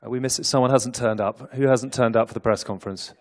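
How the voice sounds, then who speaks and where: A man's voice: mid-range voice, steady tone, quick pace. A man hosting a live press conference, speaking informally and jokingly to the room with teasing, rallying banter.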